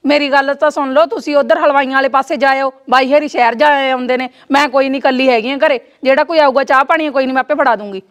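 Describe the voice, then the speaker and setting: A woman playing a young daughter-in-law who speaks softly and calmly, with a Punjabi village accent. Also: sits high, fast talker, few pauses, natural voice. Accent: Punjabi village speech. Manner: soft, placating, hushing others.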